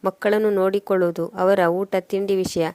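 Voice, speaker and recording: A woman's voice: mid-range voice, little pitch movement, brisk, mellow, no room sound, natural voice. A woman voicing a worn-out young housewife who pleads and defends herself in storytelling narration. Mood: defensive.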